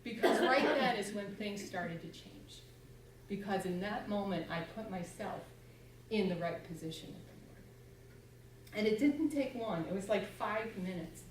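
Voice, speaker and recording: Measured and expressive in a mid-range voice, a woman in her sixties entertains the congregation with her personal testimony, reenacting her own earlier remarks. The audio, captured from a distance in the echoing church sanctuary, carries a little hiss or hum.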